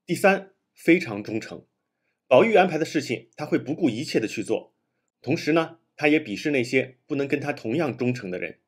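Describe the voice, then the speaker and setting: Husky guy breaking down a classic novel point by point, voice jumps around a lot. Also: mid-range voice, lively intonation, brisk. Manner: lays points out one by one. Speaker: host. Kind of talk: explanatory literary commentary.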